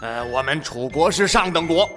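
A pompous ancient king, high-voiced and swooping all over the place, as a man acts him out. He mocks, blusters and huffs in a storybook audio drama. The voice rings with a long reverb over faint music. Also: very animated, unhurried. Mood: blustering. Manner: theatrical, swinging pitch, mocking then sheepish. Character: vain, blustering ancient king, quick to mock.

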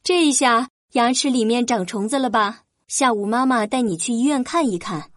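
A woman voicing a mother rabbit who gently scolds her little one in a storybook. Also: fairly high pitch, moderate pace, no room sound, clean studio sound, natural voice. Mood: teasing scold. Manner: teasing, scolding warmly.

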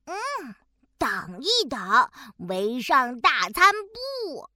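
A woman's voice: sits high, wildly swooping pitch, extremely slow, bright, forceful tone, no echo, clean studio sound, heavily acted. A woman voicing a cheerful, proud little boy bear cub in a children's storybook, playful and sing-song, with sound effects. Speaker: storybook narrator in character.

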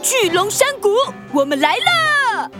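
High-pitched, excitable little pig boy. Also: a little slow, over loud music, heavily acted. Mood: excited, delighted. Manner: exclamatory, eager, childlike. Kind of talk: children's audio story acting.

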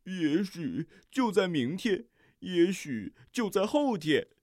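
Reader doing a sad old tree stump, slow and sorrowful, storybook. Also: mid-range voice, big pitch swings, darkish tone, no echo, studio quality, pitched above the performer's own voice.

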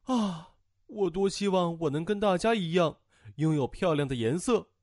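A man voicing a gentle, shy male flour character in a children's audio story, talking softly with sighs. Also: high voice, normal speed, dry recording, studio quality, lightly acted. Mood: shy hopeful. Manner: soft, wistful, sighing.

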